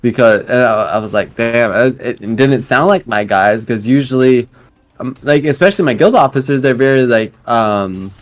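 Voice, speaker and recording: A man's voice: mid-range voice, expressive, moderate pace. A man in his late twenties chatting casually over voice chat. He rambles through his points, restarting sentences and leaning on fillers, in an ordinary mid-range voice. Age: 20s. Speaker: guild leader.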